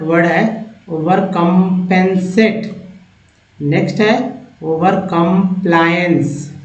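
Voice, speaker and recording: A man from India teaching English words in a slow lesson, repeating each word and spelling out letters. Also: high voice, darkish tone. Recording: echoey lo-fi room.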